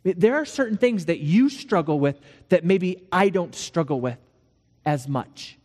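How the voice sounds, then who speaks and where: A man's voice: high-pitched, unhurried. Man preaching in a reverberant hall. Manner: animated storytelling with acted dialogue. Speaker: pastor. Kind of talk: sermon.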